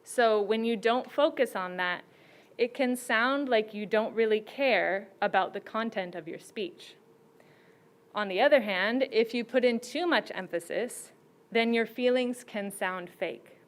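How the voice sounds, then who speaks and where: Woman, contest judge, clear higher voice, measured teacherly delivery with rhetorical questions. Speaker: contest judge giving advice. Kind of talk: prepared speech to students.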